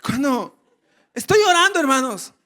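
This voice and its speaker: Male pastor, sermon, humorous storytelling, sudden loud acted outbursts. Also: very high-pitched, moderate pace. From Ecuador. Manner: storytelling with humor and animated shouts.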